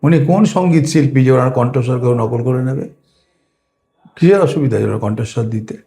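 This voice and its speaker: A man with a West Bengal Bengali accent gives political commentary in an interview, indignant and combative, firing off repeated rhetorical questions. His mid-range, warm voice moves fairly quickly, recorded in an echoey room with music underneath.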